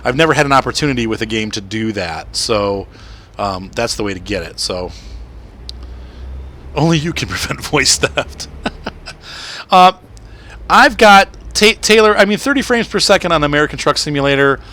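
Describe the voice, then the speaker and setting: Playing a driving game at home, this man in his thirties hosts a casual live stream for his gaming channel, rambling chattily with frequent fillers and quiet laughs. He speaks at a moderate pace with lively intonation and long pauses, his typical male-pitched voice bright, tense, and slightly crackly.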